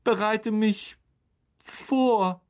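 A reader voicing a vain, flustered male teacher with a high, stammering voice. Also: very slow, clear, resonant tone.

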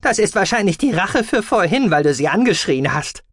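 A man voicing a small, cheeky, wisecracking male furry alien in an audiobook, with a high, squeaky, teasing voice. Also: sing-song, moderate pace, fairly bright tone, husky, no room sound, studio quality, full character voice. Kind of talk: audiobook character voice.

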